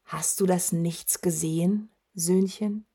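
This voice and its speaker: A woman's voice: on the low side, fairly even intonation, slow pace, dark tone, heavily acted. A woman voicing a huge, dying male werewolf who taunts with a rattling, wheezing voice. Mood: gloating menace. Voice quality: rattling, rasping voice. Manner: taunting, gloating. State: wheezing, labored breath.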